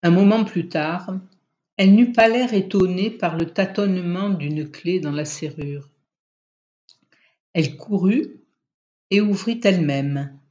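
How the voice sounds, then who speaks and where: Slow, measured literary narrator. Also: mid-range voice, darkish tone, lo-fi sound. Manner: measured, unhurried storytelling. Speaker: audiobook reader.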